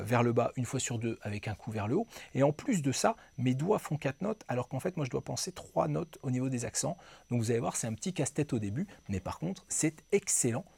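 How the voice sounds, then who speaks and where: A man's voice: mid-range voice, vocal fry, a little mellow, slightly rough, no room sound. A man giving a guitar lesson, explaining exercises and counting beats aloud as he demonstrates them. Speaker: guitar teacher. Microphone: close mic aimed at him. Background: clean electric guitar playing.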